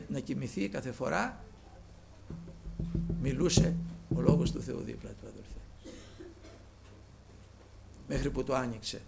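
A man preaching a sermon with a gravelly voice, moving between loud, fervent exclamations and hushed, quiet storytelling. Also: mid-range voice, a little hiss or hum.

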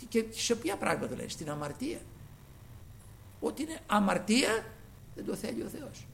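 A man preaching a sermon, with a high voice that leaps all over its range. His tone is gravelly, with fry at the ends of phrases. He moves from loud, fervent cries to hushed asides and acts out the voices he quotes. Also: sing-song, slight background noise. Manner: fervent, swinging between loud exclamations and quiet asides.

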